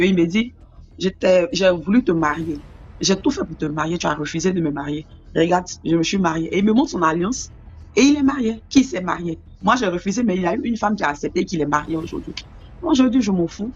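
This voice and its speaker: A woman's voice: lowish voice, slightly rough, lo-fi sound. A woman caller rambling through a personal dream story, full of fillers and restarts. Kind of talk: telling a personal dream story on a call-in show.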